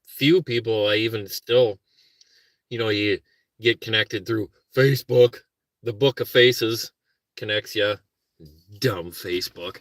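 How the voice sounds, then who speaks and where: Parked in his car while car camping, a chatty Minnesota man vlogs in a casual live chat, rambling and self-deprecating as he talks to viewers and his dog. His lowish voice sounds bright and dry with no room sound, and he speaks slowly with frequent pauses.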